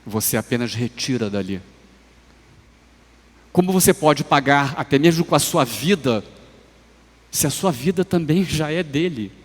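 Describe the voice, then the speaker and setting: A Brazilian man preaching a sermon in an unhurried, deliberate cadence. His voice climbs into loud emphatic swells and then falls back soft and low. The livestream carries a long church-hall reverb around him. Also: lively intonation. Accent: Brazilian Portuguese. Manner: slow, measured preaching with rising emphatic swells and soft drops. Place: church sanctuary.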